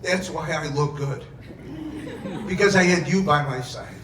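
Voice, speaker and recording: A man's voice: a little high, a little slow, a bit bright. A middle-aged man giving a heartfelt father of the bride speech at a wedding reception, telling family anecdotes. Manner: heartfelt, anecdotal storytelling with dramatized quotes. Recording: echoey, noisy event room, distant mic.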